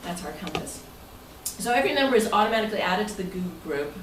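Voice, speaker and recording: Speaking quickly and with animation, this woman has a mid-range voice. She addresses fellow club members as their president in a loose, chatty talk that tends to ramble. The sound is distant, echoey and noisy.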